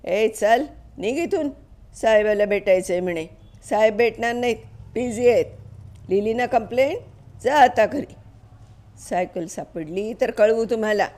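Woman doing a gruff constable who snaps and dismisses, a notch higher and louder. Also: measured pace, close to an everyday voice. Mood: barking. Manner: barking, dismissive. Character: gruff rude male police constable.

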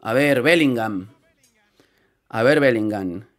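Excitable man reacting to football. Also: mid-range voice, slow. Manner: excitable, swearing, repeats phrases. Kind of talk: live reaction commentary.

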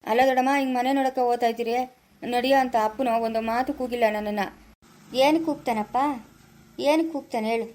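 A woman's voice: a little high, fairly even intonation, fast, darkish tone, close to an everyday voice. A woman acting a hurt relative in a family skit, complaining she was ignored, with a Chikkaballapura Kannada accent. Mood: aggrieved. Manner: complaining, aggrieved.

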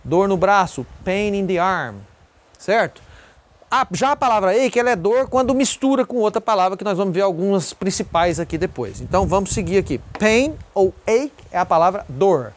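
A man's voice: sits high, animated, normal speed. A man with a Brazilian Portuguese accent teaching an English vocabulary lesson outdoors in a breezy spot at a country property, in a chatty way, repeating each word for practice. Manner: chatty, repeats words for drilling. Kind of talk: casual video lesson.

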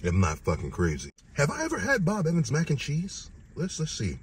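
A man's voice: a little high, a little fast. A man in his thirties with a lisp and slushy s sounds gives a casual, joking, sweary food review. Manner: animated, joking, profane. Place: inside a car, driving and parked. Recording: car interior with road noise. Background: vehicle noise.

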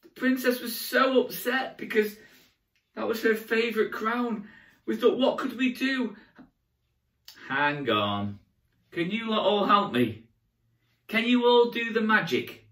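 A man's voice: high voice, expressive, slow, pauses often, bright, forceful tone. A middle-aged man performing as a kids' party magician, telling stories to children in an exaggerated, playful way, recorded in an echoey room. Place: indoor room with curtain backdrop. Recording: echoey room, distant microphone.

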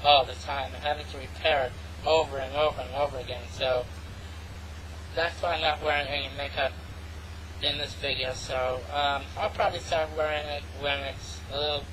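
Voice-changer pitch-shifted vlogger. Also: fairly even intonation, background noise. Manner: halting, full of ums and restarts. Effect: pitch-shifted voice changer, meant to sound female. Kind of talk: casual rambling vlog monologue. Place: home, hot climate.

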